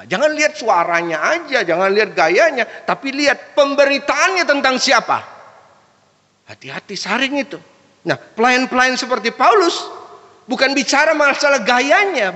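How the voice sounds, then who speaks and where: A man preaching a sermon as pastor, animated, acting out other preachers and swinging between loud and hushed delivery. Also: very high voice. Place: church. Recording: echoey church hall.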